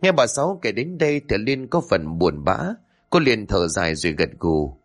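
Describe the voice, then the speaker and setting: A man reading a story as narrator with steady scripted narration. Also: lowish voice, normal speed.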